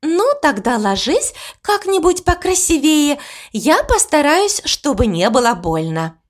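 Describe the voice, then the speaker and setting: A woman reading an audiobook voices Death as a young female trainee, brisk, bossy and matter-of-fact. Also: high voice, sing-song, voice pushed up.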